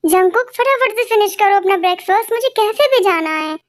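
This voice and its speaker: A woman voicing a protective older sister who gently scolds and fusses like a mother. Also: very high voice, animated, fairly quick, over music. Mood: hurried. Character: caring protective older sister, runs a cafe. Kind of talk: Hindi fan dub story acting.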